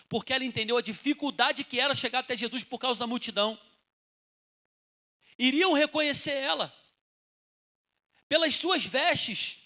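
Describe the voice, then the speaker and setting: Brazilian pastor guy preaching hard, really high voice, goes loud then drops to a hush. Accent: Brazilian Portuguese. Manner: impassioned preaching, swinging between loud urging and hushed quotes. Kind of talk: sermon.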